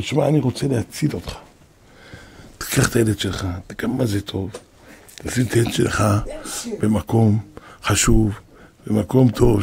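An older man who is a rabbi, giving an impassioned Torah lesson that often rises to shouts and repeats itself. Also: mid-range voice, creaky, slightly rough, dry recording. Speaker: rabbi teaching a class.

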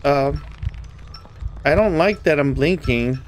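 This gamer's voice is fairly high and his pace slow as he plays a horror game and chats to viewers. He's on edge and easily startled, and he swears frequently throughout the let's play commentary.

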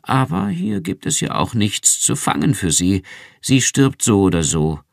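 A man's voice: fairly low pitch, wildly swooping pitch, unhurried, gravelly, no room sound, clean studio sound, pitched above the performer's own voice, full character voice. A man reading an audiobook, voicing a cool, detached young female android who asks quizzical questions.

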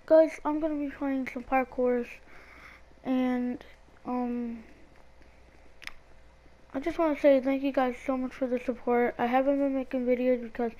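This is a high, mellow voice with little pitch movement, speaking at a measured pace with long pauses on a low-quality recording. It belongs to a young school-age gaming video creator whose split lip hinders his speech. His gameplay commentary is casual, hesitant and rambling, and he repeats words.

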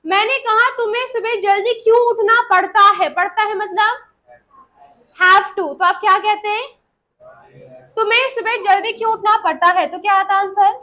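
A woman leads a classroom grammar lesson in a very high, bright voice. She repeats each example sentence slowly and deliberately, then checks whether the class has understood. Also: steady tone. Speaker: English teacher.

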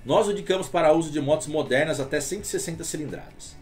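A man's voice: on the high side, soft background music. Chatty Brazilian man explaining motor oil. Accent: Brazilian Portuguese. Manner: chatty, explanatory, reads aloud haltingly with restarts. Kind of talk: casual talk to camera.

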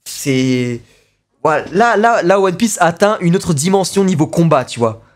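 A young man streaming live and reacting to a video. He talks excitedly, with lots of slang and repeated exclamations. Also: fairly high pitch, a little slow.

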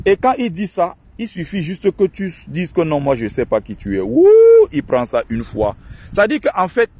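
Outdoors by a park lake, a man with a darkish-toned voice vents to his followers in a phone-recorded vlog monologue, indignant and mocking, his pitch jumping fast. The channel host's audio carries a little hiss or hum.

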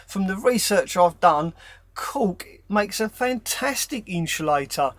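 A man's voice: high voice, lively intonation, measured pace, fairly bright tone, dry recording. A man chatting upbeat in a casual question-and-answer vlog, talking from inside his camper van. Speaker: van life vlogger.

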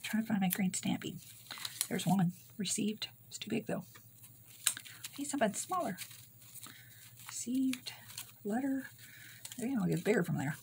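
A woman's voice: medium pitch, lively intonation, unhurried, long pauses, darkish tone, a little hiss or hum. A woman hosting a crafting video, chatting casually and talking herself through her work. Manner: chatty, talks to herself while working. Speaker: crafting channel host. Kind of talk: casual crafting vlog chat.

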